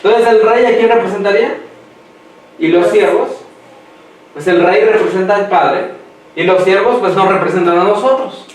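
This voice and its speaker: A man preaching a sermon who quizzes the congregation and lets them finish his sentences, slowing down to read scripture aloud. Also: sits high, slight background noise. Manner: slows down when reading scripture aloud. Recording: echoey hall, mic far off.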